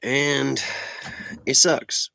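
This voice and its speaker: A man's voice: medium pitch, steady tone, extremely slow, vocal fry, bright, forceful tone, no echo, rough recording. An American man, stoned, rambles casually on a livestream in a meandering, slangy stoner manner. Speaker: livestream vlogger.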